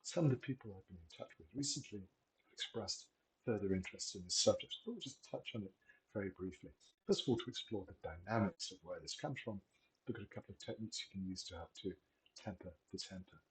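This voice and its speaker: A middle-aged man giving a gentle, measured talk on wellbeing, encouraging and unhurried with frequent pauses. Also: deep voice, poor audio. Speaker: wellbeing presenter. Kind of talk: reflective solo talk.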